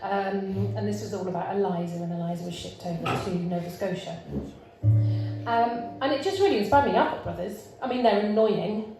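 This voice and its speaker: A woman singer-songwriter chatting with a live concert audience between songs, chatty and jokey with quick asides. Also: medium pitch, gravelly. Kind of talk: casual stage banter between songs. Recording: echoey live hall with guitar music.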